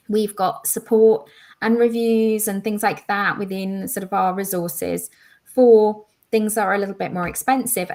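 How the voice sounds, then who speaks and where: A woman's voice: mid-range voice, a little mellow. A woman co-hosting a live online quiz as education manager, explaining answers enthusiastically and at length. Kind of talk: casual live-stream chat.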